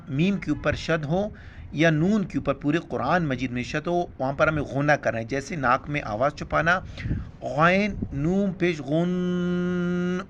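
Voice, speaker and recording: A man teaching Quran recitation, explaining letters quickly in Urdu with a Pakistani accent, then chanting verses slowly and loudly. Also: on the high side. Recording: dull lo-fi sound.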